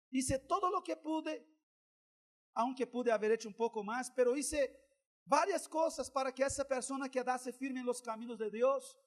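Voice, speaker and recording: A middle-aged male pastor preaching a sermon with a strikingly high voice. He tells his own story in a conversational way, then builds to loud, emphatic exhortation.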